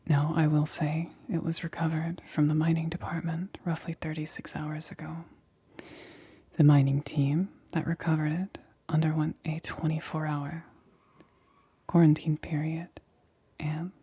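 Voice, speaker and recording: In an ASMR roleplay, a woman plays a careful but excited scientist examining an alien specimen, speaking in a very breathy whisper. Her deep voice moves slowly and fairly flatly, giving instructions in a deliberate, clinical way. The recording is dry, with no room sound around her.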